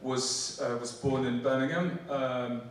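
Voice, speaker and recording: On stage at a theatre, a man from Poland in his forties delivers spoken word poetry in an unhurried, measured way, broken up by hesitant, jokey banter full of fillers. His mid-range, Polish-accented voice stays fairly even, echoing through the hall from a far-off mic as the audience laughs.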